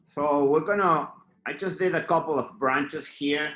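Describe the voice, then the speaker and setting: A man teaching an online drawing class, talking slowly and patiently and often checking in with "okay?". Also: on the high side, a bit bright, roomy sound, poor audio. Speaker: art teacher.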